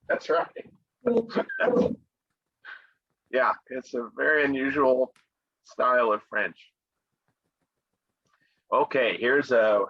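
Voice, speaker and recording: Speaking to an online English conversation club by video call, a middle-aged American man casually presents favorite travel spots. Relaxed and friendly at medium pitch, he talks clearly with fillers and laughter, in a dry recording of dull lo-fi quality.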